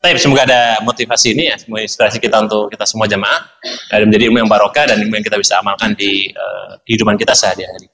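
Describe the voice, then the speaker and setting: Bright-voiced male preacher telling stories. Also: fairly low pitch, very fast. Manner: animated storyteller, acts out dialogue, addresses congregation often. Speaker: Islamic preacher. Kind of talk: sermon with personal storytelling.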